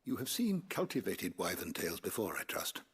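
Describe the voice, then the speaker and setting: A man's voice: low-pitched, huge pitch swings, a bit bright, husky, exaggerated voice. An actor playing a learned, courtly man who speaks in a formal, old-fashioned way in game dialogue. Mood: earnest. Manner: measured, formal, archaic phrasing.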